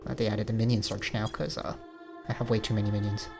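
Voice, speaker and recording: Here a gaming host with a fairly low, gravelly voice talks fast and flat. He rambles casually through understated let's play commentary, thinking out loud over background music.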